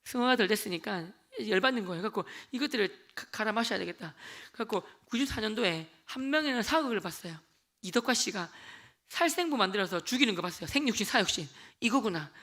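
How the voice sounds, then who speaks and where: A man in his forties delivers a church testimony from the pulpit with a notably high, bright voice. He talks quickly and tells his story as a lively performance, acting out the voices of the people in it. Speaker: lay deacon giving testimony. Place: church sanctuary.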